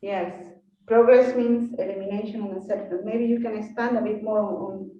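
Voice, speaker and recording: A woman asking halting questions in a group discussion, sounding as if she is in an echo chamber. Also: mid-range voice, steady tone. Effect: echoey, hollow sound as if in an echo chamber. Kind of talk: casual group discussion over video call. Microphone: camera on a TV set far from her. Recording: echoey, dull, distant video-call audio with faint noise.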